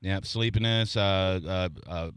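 A man's voice: deep voice, fairly even intonation, a little slow, fairly bright tone, smooth, dry recording. A man hosting a radio show, chatting and joking offhand with callers and his co-host. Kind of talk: morning radio banter. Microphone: studio microphone.

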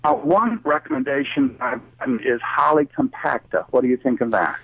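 A man's voice: mid-range voice, sing-song, fairly quick, creaky, dry recording. A man calling in to a radio show over the phone, politely and carefully describing what he wants, with some ums. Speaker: radio call-in caller. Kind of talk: casual chat. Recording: dull dry phone line.

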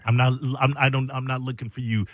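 A man's voice: medium pitch, fast talker, no echo, phone-quality sound. A man hosting a radio show, telling stories in casual banter with a co-host, laughing and teasing as he goes. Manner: animated, laughing, teasing storyteller.

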